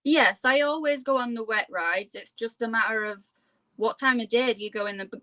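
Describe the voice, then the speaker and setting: Higher-voiced woman chatting casually. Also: moderate pace, sharp tone, no room sound. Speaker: interview guest. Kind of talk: casual chat.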